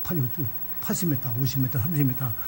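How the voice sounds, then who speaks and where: An older man preaching a sermon in a church, telling a story in a lively, folksy way. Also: mid-range voice, a little fast, slight background noise. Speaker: pastor.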